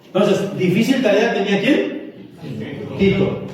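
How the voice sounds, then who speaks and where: High-voiced pastor preaching in an echoey hall. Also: male voice, a little slow, distant mic, a crowd in the background. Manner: storytelling, joking with the congregation. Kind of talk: sermon. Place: church hall.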